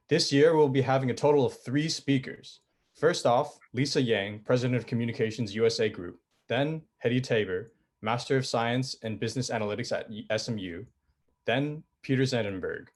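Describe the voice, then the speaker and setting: A male ceremony announcer reads sponsor names one after another, then introduces the keynote speakers. His mid-range voice keeps a plain, steady announcing tone. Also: mid-range voice. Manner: plain, list-like reading. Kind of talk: reading a sponsor list and announcements.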